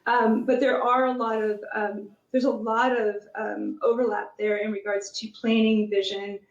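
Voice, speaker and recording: A woman with a fairly high, level voice, a guest who is a product manager and youth soccer coach, talks in a casual interview. She's thoughtful and measured, using many fillers, and the remote recording sounds muffled with a roomy echo.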